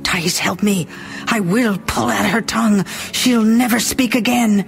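A woman's voice: mid-range voice, a little slow, vocal fry, soft background music. A woman reader voicing a brutal, raging middle-aged father who hisses and bellows threats in an audiobook. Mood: furious.

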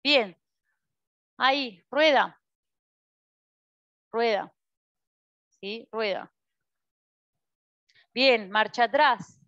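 A woman with an Argentine Spanish accent leads a Pilates class, giving encouraging cues and often checking in with the students. Her voice sits high. The recording is dry and a little muffled. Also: very slow, pauses often, fairly bright tone, dry recording. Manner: instructive, encouraging, cueing movements with frequent "¿sí?". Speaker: Pilates instructor. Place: Pilates studio.

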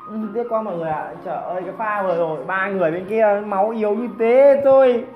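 A woman giving excited commentary over her own mobile game match, full of exclamations and teasing jabs at opponents. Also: mid-range voice, fast talker, dull audio, soft background music. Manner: exclamatory, teasing opponents, frequent cries of surprise. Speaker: gameplay commentator.

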